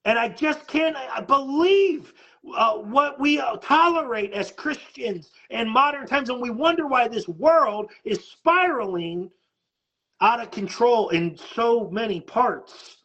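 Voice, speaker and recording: A man with a strikingly high voice delivers an urgent, emphatic sermon as a pastor, stumbling over repeated words as he presses on. The recording sounds dull and lo-fi. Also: expressive, slow, bright, forceful tone.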